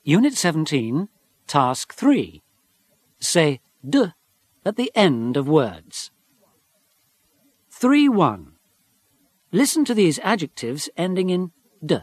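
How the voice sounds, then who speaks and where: A man reading the instructions for a pronunciation course in a slow, clear, deliberate way, recorded in a dry studio. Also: a little high, wildly swooping pitch, no echo. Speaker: course narrator.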